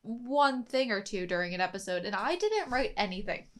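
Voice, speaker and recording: A woman's voice: medium pitch, lively intonation, moderate pace. A woman co-hosting a casual anime reaction chat, chatty and full of filler words.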